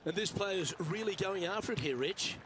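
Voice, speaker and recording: A man's voice: sits high, animated, normal speed. A man working as lead golf commentator, calling play-by-play in a broadcast style. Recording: clear background ambience noise.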